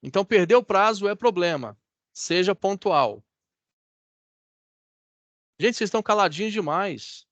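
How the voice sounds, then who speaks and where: Leading an online class by video call, a Brazilian Portuguese-accented instructor talks conversationally and keeps checking on his students. His fairly bright voice sits high and sounds expressive, moving a little slowly with long pauses and no echo.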